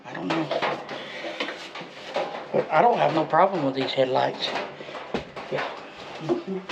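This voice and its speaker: An American DIY motorcycle vlogger chats in a folksy, rambling, unscripted way as he works in his shed workshop, muttering to himself between how-to explanations. His voice is a little high and slow with vocal fry, and the action-camera audio is noisy, clicky and missing its highs.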